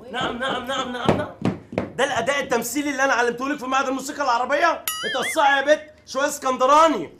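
A man's voice: extremely high pitch, fairly even intonation, rapid-fire, background noise. An actor with an Egyptian accent playing a bossy, mocking comic man. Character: bossy comic man, a self-styled acting teacher.

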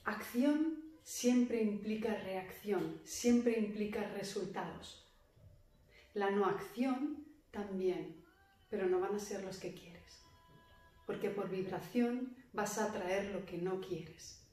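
Calm woman teaching meditation in an echoey room. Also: mid-range voice, a little hiss or hum. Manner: calm, measured, speaks with slow emphatic pauses. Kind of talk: guided meditation talk. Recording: very echoey room, voice far from mic.

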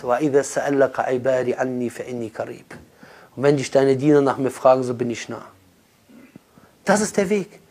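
A man preaching a sermon with a high-pitched voice, passionate throughout. He swings from loud, urging appeals to soft, hushed lines. He speaks straight to his listeners as brother and sister.

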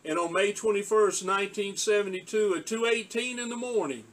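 A man in his sixties hosting a devotional Bible talk, speaking in a gentle, heartfelt and earnest way. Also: sits high, brisk. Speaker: Bible teacher hosting his own show. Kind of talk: devotional talk and poem recitation.

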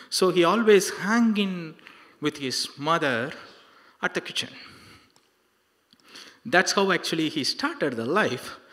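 A middle-aged man preaching a story to young people, haltingly, with repetitions and rhetorical questions, into a handheld microphone. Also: on the high side, a bit bright. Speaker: preacher at a youth service. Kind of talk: sermon telling a life story. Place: large indoor hall on a stage. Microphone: handheld microphone held close. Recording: hall reverb on handheld microphone.

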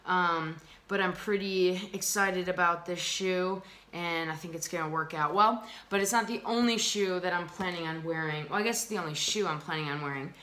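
A woman's voice: lowish voice, moderate pace, hardly any pauses, sharp tone. A young woman from the United States in a casual, upbeat gear review, talking chattily with frequent ums, recorded indoors on a laptop camera mic. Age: young adult. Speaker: vlogger reviewing hiking gear. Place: small room indoors at a table.

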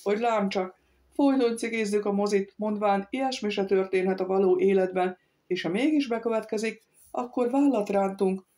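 A woman reads a novel aloud as an audiobook, voicing every character herself. She lifts her voice for the shrill outbursts. Her pitch sits in the middle range for a woman. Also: mellow. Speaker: audiobook narrator.

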